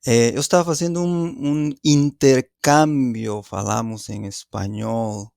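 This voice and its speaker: A man in his forties from Mexico, speaking with a Mexican Spanish accent as a non-native speaker, answering as a guest professor in a deliberate way, searching for his words. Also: medium pitch, creaky, darkish tone, no echo, studio quality. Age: 40s. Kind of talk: conversational interview answer.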